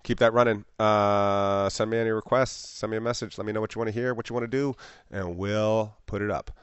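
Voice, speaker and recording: A man hosting a casual podcast, a stand-up comic who talks in a relaxed way with lots of "uh" fillers. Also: fairly low pitch, fairly quick, clear, resonant tone, no room sound, lo-fi sound.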